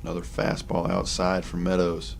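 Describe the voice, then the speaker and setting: Low-voiced male baseball announcer. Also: moderate pace, vocal fry, slight background noise. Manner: relaxed, chatty, offhand asides between pitches. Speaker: play-by-play announcer. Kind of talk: sports commentary.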